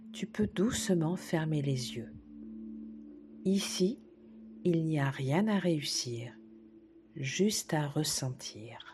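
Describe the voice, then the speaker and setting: A woman sophrologist leading a guided relaxation session, speaking softly and soothingly, sometimes dropping to a whisper. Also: low voice, noisy background. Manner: soft, slow, soothing guidance, drops to a whisper at times. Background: soft background music.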